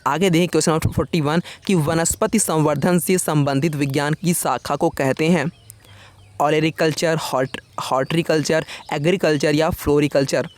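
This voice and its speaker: A man teaching a rapid exam-revision lesson, his voice sitting a touch higher than most men's. He rattles off each question and its choices in quick succession. Then he gives the answer in a relaxed, chummy tone. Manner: quick, casual, keeps saying "yaar" to the viewer; reads out options in a brisk list and then gives the answer.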